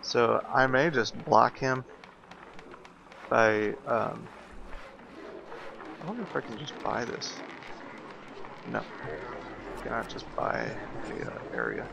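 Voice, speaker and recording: A man giving casual let's play commentary, thinking aloud as he plays, with hesitant pauses. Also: medium pitch, vocal fry, background noise. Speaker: video game player, host. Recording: muffled, game music behind. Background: game music.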